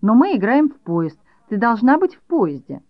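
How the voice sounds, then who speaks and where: Curt, commanding little boy voiced by the reader for an audiobook, raised pitch, dry muffled sound. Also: very animated, normal speed, dry recording. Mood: bossy. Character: bossy little boy, eldest brother. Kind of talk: audiobook character voice.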